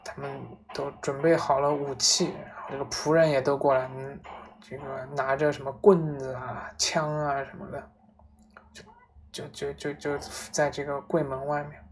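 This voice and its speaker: A woman casually retelling a story aloud, relaxed, with frequent fillers and restarts. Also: very deep voice, moderate pace.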